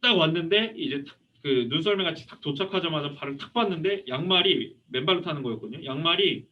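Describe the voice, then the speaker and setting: A man in his thirties, a youth pastor preaching a lively sermon, telling anecdotes and asking the congregation questions. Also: a little high, fast talker. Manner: animated storytelling, voicing a child and asking the audience questions. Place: church hall. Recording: muffled, from a distance.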